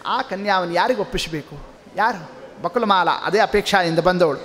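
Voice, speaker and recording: A man, giving an animated storytelling sermon and putting questions to the audience. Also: high-pitched, normal speed. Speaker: religious discourse speaker. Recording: long hall reverb.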